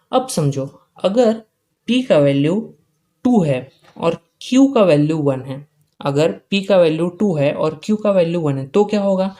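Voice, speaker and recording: A chemistry teacher gives an exam-prep lecture in a voice that sits high with a darkish tone. He asks questions and answers them himself, repeats key points, and slowly dictates important lines for students to write down.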